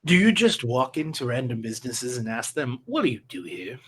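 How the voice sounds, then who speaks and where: Man playing a curt, low-voiced tiefling morgue keeper. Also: big pitch swings, a little fast, a bit bright, husky. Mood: dry, curt. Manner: dry, formal, condescending. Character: tall gaunt male tiefling morgue keeper, curt, dry, unimpressed.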